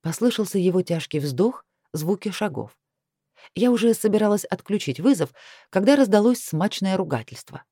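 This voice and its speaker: A woman narrating a first-person story in an expressive reading style. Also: medium pitch, normal speed, no room sound, studio quality. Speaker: audiobook narrator. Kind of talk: scripted narration.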